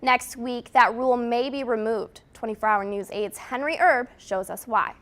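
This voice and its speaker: High-voiced American woman anchoring a newscast, read straight. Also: normal speed, a bit bright. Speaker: news anchor. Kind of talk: scripted television newscast reading.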